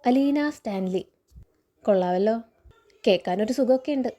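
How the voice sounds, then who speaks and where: A woman's voice: medium pitch, normal speed, warm tone, lightly acted. A woman voicing a stern, betrayed middle-aged man who questions a young woman reproachfully, quoted in a story recap. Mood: stern, probing.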